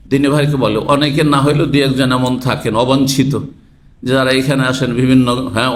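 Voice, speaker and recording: A man's voice: fairly high pitch, a bit bright. A man from Bangladesh preaching a sermon lecture in a mosque, explaining Arabic verses word by word and putting rhetorical questions to his listeners. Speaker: Islamic preacher.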